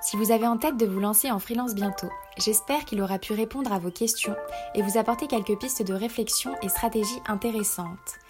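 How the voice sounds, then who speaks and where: Woman reading a podcast outro over clear music. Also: medium pitch, a little fast. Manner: smooth, read-from-script delivery. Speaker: podcast host. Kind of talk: scripted outro narration.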